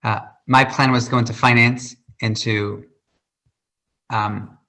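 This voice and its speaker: This guest speaker, a man in his thirties, stutters and repeats words while speaking passionately and dramatically about his life in an online Q&A. His medium-pitched voice has fairly even intonation and runs a little slow. Heavy background noise fills the recording.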